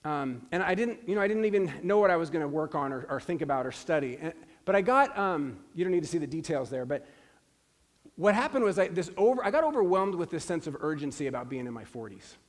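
A pastor in his forties preaches a sermon in a notably high, sing-song voice at a quick pace. He is earnest and emphatic, often repeating a phrase to drive his point home.

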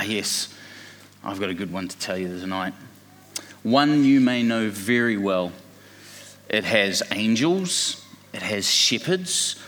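A man playing a slow, gentle storytelling dad. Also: medium pitch. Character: gentle father telling a bedtime story. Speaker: narrator father in a church play. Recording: echoey hall reverb.

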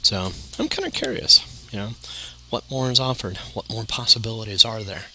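A tired man rambles through a casual solo monologue with a deep, low voice. His tone is bright and sharp, and he wanders between thoughts with plenty of ums and restarts. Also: wildly swooping pitch, normal speed, a little hiss or hum. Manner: meandering, many fillers and restarts. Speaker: vlogger.

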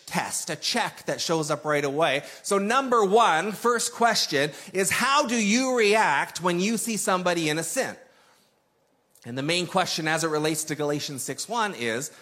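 A man's voice: sits high, a bit bright. A man preaching a sermon in a conversational, emphatic way, repeating key phrases for weight. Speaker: pastor.

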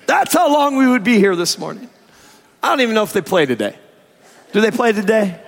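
A man preaching as a pastor in a hoarse, strained voice, emphatic and informal, stretching key phrases for effect. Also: high-pitched, very animated, a little fast. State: hoarse, strained sore throat. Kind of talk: sermon. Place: church service, amplified in a large room. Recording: echoey large hall reverb.

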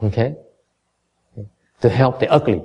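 Mellow-voiced male dharma teacher. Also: mid-range voice, takes it slowly, slightly rough, dull audio. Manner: explains in English, then repeats in Vietnamese, often stumbling over repeated words. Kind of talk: bilingual dharma lecture.

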